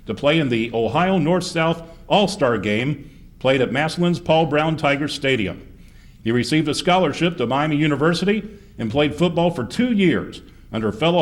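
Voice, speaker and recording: A man, acting as master of ceremonies and reading a formal introduction. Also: a little high. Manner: formal, reads with asides.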